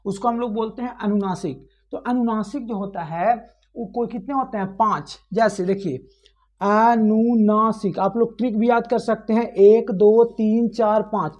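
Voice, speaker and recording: A woman's voice: medium pitch, normal speed, darkish tone. A woman teaching a grammar lesson, asking the class questions, answering them herself and repeating the key points.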